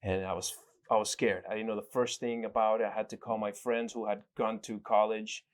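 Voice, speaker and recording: Reflective man, halting with frequent restarts. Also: lowish voice, flat delivery. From El Salvador. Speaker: guest. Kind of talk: conversational interview.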